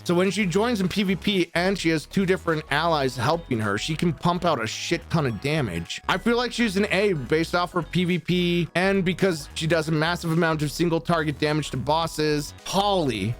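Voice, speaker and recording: A young man with a notably high-pitched voice talks through a game tier list in a casual, blunt way. He reads out skill descriptions and reacts to them, swearing now and then, with faint music playing underneath. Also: a bit bright. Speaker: gaming YouTuber ranking characters.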